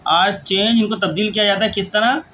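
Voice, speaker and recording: A man teaching English grammar, dictating rules slowly word by word as he writes them out. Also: high voice, steady tone, sharp tone, a little hiss or hum, low-quality recording. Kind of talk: lecture explaining grammar rules.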